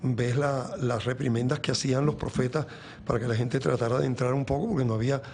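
A man's voice: mid-range voice, fairly even intonation, fast, a little mellow, a little hiss or hum. A Venezuelan man in his sixties, a guest in an interview, talking earnestly about faith, rambling with many restarts. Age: 60s. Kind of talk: reflective faith talk in an interview.

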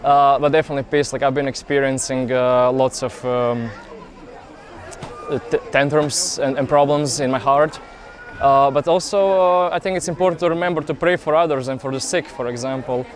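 A young man speaks in a flat, even tone, pausing often and reaching for words as he earnestly answers questions. He is outdoors at a festival, and a faint crowd murmurs behind him. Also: mid-range voice. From Croatia. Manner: earnest, hesitant, many pauses and fillers. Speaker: interviewee, festival pilgrim. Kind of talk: casual street interview. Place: outdoor youth festival grounds.

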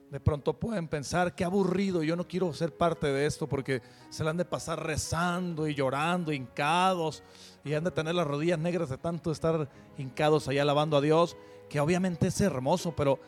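Fervent man hosting, bright pitch. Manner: fervent, preachy, addresses viewers directly. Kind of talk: earnest spoken commentary.

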